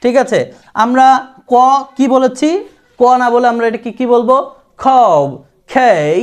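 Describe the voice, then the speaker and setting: A man teaching English pronunciation, slowly repeating words and practice phrases for his viewers. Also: extremely high pitch. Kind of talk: spoken language lesson.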